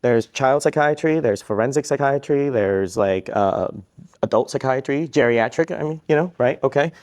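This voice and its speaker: A man's voice: medium pitch, lively intonation, moderate pace, darkish tone. A man from Vietnam who works as a psychiatrist, giving a live question-and-answer talk to students, upbeat and joking, repeating each question back.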